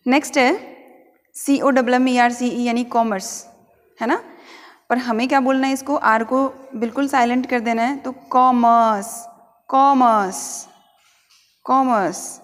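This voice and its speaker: A woman teacher with a Rajasthani Hindi accent and a slightly high voice takes a pronunciation lesson one word at a time. She spells each word letter by letter, then repeats it slowly several times. Her voice trails off into a long reverberant room sound. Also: steady tone.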